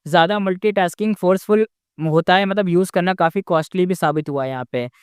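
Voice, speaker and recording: Guy doing a calm serious woman commentator, matter-of-fact, high smooth voice, dry. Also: fairly quick, no echo, close to an everyday voice. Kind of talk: casual story retelling.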